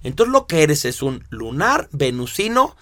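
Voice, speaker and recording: A man's voice: on the high side, big pitch swings, unhurried, pushed and bright, dry recording, clean studio sound. A man teaching a lesson, walking through examples and often checking in with "¿sí?". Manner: explains with examples, asks "¿sí?" often. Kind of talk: explanatory lecture.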